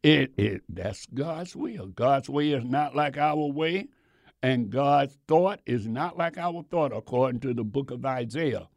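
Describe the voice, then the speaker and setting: A man preaching a sermon, repeating his phrases and swinging between loud bursts and low asides. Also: lively intonation, measured pace, gravelly, dry recording, studio quality. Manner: preaching with sudden shouts and drops, repeats phrases.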